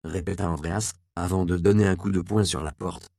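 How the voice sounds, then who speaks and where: A man reading a novel aloud as the narrator, in a measured storytelling manner. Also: low voice, steady tone, gravelly, warm tone, dry recording, clean studio sound. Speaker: audiobook narrator. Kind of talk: scripted narration.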